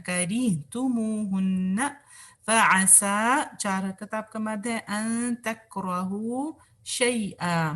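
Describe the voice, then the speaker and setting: A woman from Pakistan, teaching tajweed in an online class, reciting verses slowly and correcting pronunciation with quick asides. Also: medium pitch, fairly bright tone. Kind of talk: tajweed lesson, reciting and explaining.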